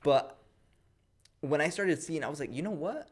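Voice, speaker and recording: A man's voice: a little high, lively intonation, normal speed, husky. A man co-hosting a podcast in laid-back casual chat, often saying "bro". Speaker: podcast co-host.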